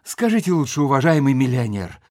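A man voicing a polite, naive, anxious little bug in a cartoon, earnest and husky. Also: mid-range voice, very animated, a little fast, a little mellow, dry recording, studio quality, natural voice. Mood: puzzled, polite. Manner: earnest, questioning, courteous.

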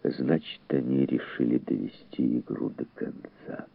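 Very deep gravelly male audiobook narrator. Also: steady tone, measured pace. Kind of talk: scripted literary narration. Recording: tinny phone-like dry recording.

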